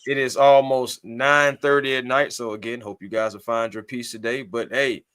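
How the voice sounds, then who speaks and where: A man's voice: mid-range voice, steady tone, normal speed, fairly bright tone, clear, resonant tone, no echo. A man hosting a casual sports talk livestream from a home mic on a video call, upbeat as he closes out the show and gives his predictions. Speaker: podcast host.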